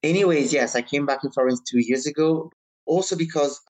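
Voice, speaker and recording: A man's voice: on the high side, fairly quick, a little mellow, rough recording. A man in his thirties from Italy, a non-native English speaker, talking reflectively as a guest in a conversational interview. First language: not English; speaks Italian, French and Mauritian Creole.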